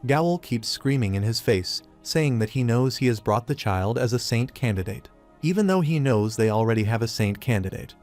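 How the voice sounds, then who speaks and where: A man narrating a comic recap in a steady, even storytelling voice. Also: mid-range voice, normal speed. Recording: faint music behind.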